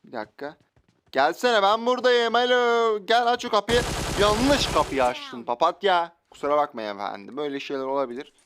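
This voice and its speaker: A young man giving loud, joking commentary while playing a shooter game, often shouting out at sudden moments. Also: sits high, expressive, a little fast, slight background noise. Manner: loud outbursts, joking, slangy. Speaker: gaming YouTuber. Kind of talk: excited gameplay commentary. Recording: faint game sounds and gunfire.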